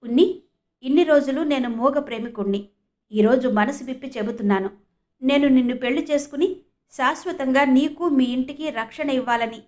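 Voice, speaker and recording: An earnest young man pleads and insists on his love, read by a woman in her own fairly high voice. He speaks in an audio storybook. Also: moderate pace, darkish tone, lightly acted. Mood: pleading.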